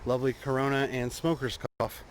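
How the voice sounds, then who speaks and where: A man talking casually and unscripted to his vlog viewers, rambling and halting as he thinks, outdoors in a driveway. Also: mid-range voice, fairly bright tone, slight background noise. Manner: rambling, halting, trailing off mid-thought. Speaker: vlogger showing a truck build.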